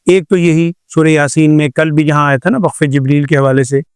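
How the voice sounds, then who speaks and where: A man's voice: a little high, steady tone, clean tone, no room sound, clean studio sound. An older man from Pakistan teaching Quran recitation in a patient classroom lecture, explaining with repeated examples and rhetorical questions.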